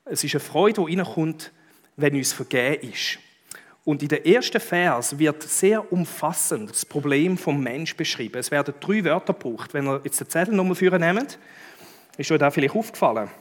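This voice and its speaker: A middle-aged pastor with a Swiss German accent preaches with a lively, conversational delivery. His voice sits fairly high for a man and swoops up and down constantly. He drives his points home with quick emphatic interjections. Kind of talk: sermon.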